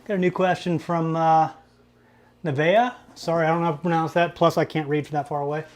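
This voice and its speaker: A man's voice: on the high side, fairly even intonation, fairly quick. A man co-hosting a casual livestream trivia game, reading questions aloud and teasing the chat. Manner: reads questions and teases the chat. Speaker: trivia co-host.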